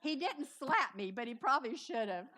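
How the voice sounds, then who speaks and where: Bright-voiced woman telling a dramatic story. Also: high voice, moderate pace. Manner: dramatic, animated telling with shouted outbursts. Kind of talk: live personal storytelling. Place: live festival stage.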